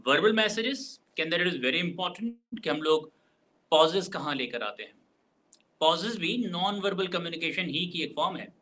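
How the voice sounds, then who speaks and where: A man giving a recorded university lecture, explaining carefully, mixing in English phrases and slowing down to stress key words. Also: on the high side, expressive, sharp tone, poor audio.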